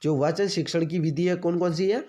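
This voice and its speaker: Fairly high-voiced man teaching in a drill style. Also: steady tone, a little fast, warm tone. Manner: asks questions and answers them himself, repeats key facts; keeps addressing listeners as friends. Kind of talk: exam-prep lecture.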